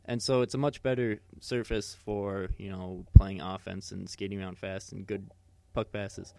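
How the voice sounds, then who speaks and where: A man's voice: low-pitched, steady tone, normal speed, creaky, warm tone, no room sound. A man co-hosting a podcast in casual sports chat, rambling with many fillers and restarts. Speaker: podcast co-host.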